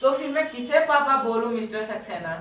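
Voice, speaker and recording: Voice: medium pitch, lively intonation, brisk, roomy sound, recorded from a distance, very noisy, natural voice. A performer voicing a cheeky young son who talks back with sassy, teasing remarks.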